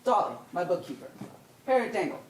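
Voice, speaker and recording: A woman's voice: fairly low pitch, very animated, fairly quick. A woman playing a shifty, blustering father in a stage comedy. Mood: awkward. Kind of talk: live stage comedy acting. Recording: echoey stage, distant mic, clear noise.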